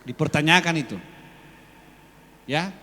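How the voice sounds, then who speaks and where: A man's voice: on the high side, expressive, sharp tone. Coaxing man preaching in a reverberant church. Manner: coaxing, repeats phrases slowly for emphasis, calls out to the men. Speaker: worship leader addressing the congregation. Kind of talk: lively sermon-style exhortation. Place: large church hall. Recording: long church hall reverb.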